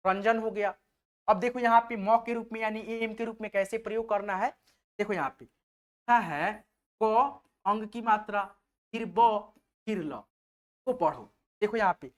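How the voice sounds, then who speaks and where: Patience and repetition mark this man's spelling lesson at the board, where he asks questions and supplies the answers himself. His voice sits high with a fairly bright tone.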